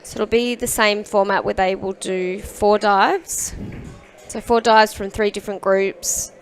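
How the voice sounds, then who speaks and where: A woman's voice: mid-range voice, fairly even intonation, a little slow. A woman giving live commentary as a sports commentator at a diving competition. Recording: background pool hall noise.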